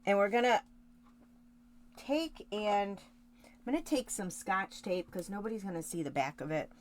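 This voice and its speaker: A woman leads a relaxed card-making demo for live viewers, talking as she crafts, drifting into asides and fixing her own slips. Her voice is mid-range at a moderate pace, with a bit of hiss or hum.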